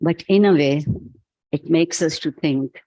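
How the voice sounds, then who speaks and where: In an event hall, a keynote speaker with a Pakistani accent and a fairly high, soft, mellow voice delivers a reflective, philosophical talk. He moves at an unhurried, measured pace, halting, pausing, and starting over as he works through his thoughts aloud. The audio is close and dry, without any room echo.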